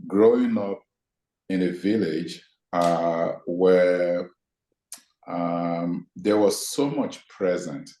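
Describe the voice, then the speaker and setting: Deep-voiced man, echoey room. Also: dark tone. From Nigeria. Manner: measured, thoughtful, deliberate. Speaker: guest scholar. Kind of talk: reflective interview answers.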